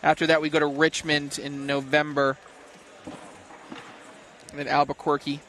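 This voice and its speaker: A man's voice: a little high, little pitch movement, moderate pace, a bit bright, slight background noise. A man commenting on a cornhole tournament from a booth, analytical and bantering with his co-host. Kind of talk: casual sports commentary.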